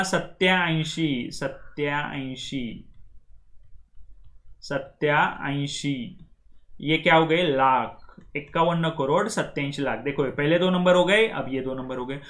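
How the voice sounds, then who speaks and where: A man teaching a class, drilling numbers slowly and often checking that his students follow. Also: on the high side, a bit bright. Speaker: language teacher. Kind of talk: classroom lecture.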